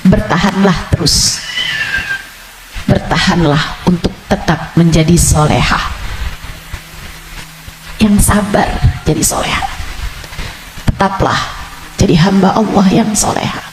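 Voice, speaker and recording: A woman's voice: lowish voice, fairly even intonation, slow, long pauses, reverberant, background noise. A woman preacher, giving a sermon with emphatic, repetitive exhortation. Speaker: Islamic preacher. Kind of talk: religious sermon.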